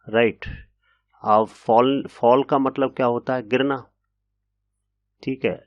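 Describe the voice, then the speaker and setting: A man teaching an English grammar lesson in a patient, explanatory way, often pausing with hesitation fillers. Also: medium pitch, dry recording.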